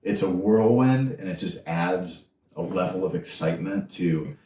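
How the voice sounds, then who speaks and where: A man's voice: deep voice, a little slow, a little mellow. A young man co-hosting a podcast in easygoing casual chat. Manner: easygoing, agreeable. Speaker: podcast co-host. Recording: distant mic in echoey room, faint noise.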